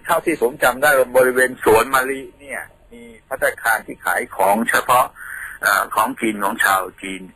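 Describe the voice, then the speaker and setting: A man's voice: medium pitch, moderate pace, pushed and bright, breathy edge, rough recording. A man from Thailand, a radio guest patiently explaining things in a studio, telling them like a story.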